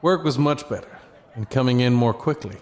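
A man playing a dim-witted private detective who narrates his misadventures deadpan, in a comedy audio drama. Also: medium pitch, moderate pace, lightly acted. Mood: wry, matter-of-fact. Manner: deadpan, matter-of-fact. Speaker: narrator and lead character. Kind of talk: scripted comedic noir narration.

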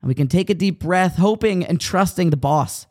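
A man telling a religious parable in an earnest, measured way, with dramatic pauses. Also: high-pitched. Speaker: storyteller. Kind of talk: storytelling a parable.

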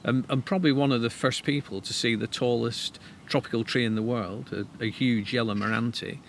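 A man's voice: mid-range voice, steady tone, a little fast, a little hiss or hum. A man, a tree expert, telling stories eagerly with frequent restarts. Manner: enthusiastic, stammering restarts. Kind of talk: casual conversation.

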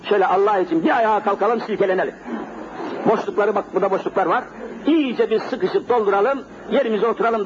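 A middle-aged male preacher giving a sermon in a mosque, telling a story vividly and speaking directly to his congregation. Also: sits high. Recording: dull lo-fi sermon recording, faint noise.

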